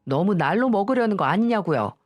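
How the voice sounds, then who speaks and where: A woman's voice: medium pitch, lively intonation, brisk, no room sound, lightly acted. A woman voicing a whiny, ungrateful grown son. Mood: irritated. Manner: whiny, impatient complaining. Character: rude irritable adult son, lazy and ungrateful. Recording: dry voice with faint music.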